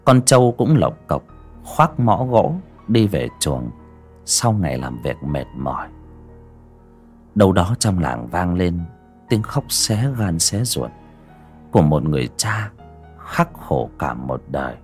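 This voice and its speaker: A man narrates a story in a very deep voice that rises and falls with wide, lively swings. A faint music bed plays softly under his scripted audiobook reading. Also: slow, long pauses.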